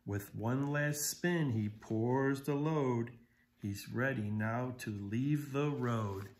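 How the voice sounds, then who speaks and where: On a sofa in a cozy living room, a volunteer reader shares a picture book with young children. He is a middle-aged American man with a medium-pitched voice who reads slowly and expressively, keeping his explanations simple.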